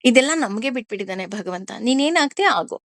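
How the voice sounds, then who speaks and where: A woman teaches scripture, taking Sanskrit verses line by line and explaining them through everyday examples. Her voice sits fairly high, and she keeps asking her listeners questions. The recording is dry and close. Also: fairly quick, no echo. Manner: lively, asks listeners questions. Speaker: spiritual teacher. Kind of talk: discourse on scripture.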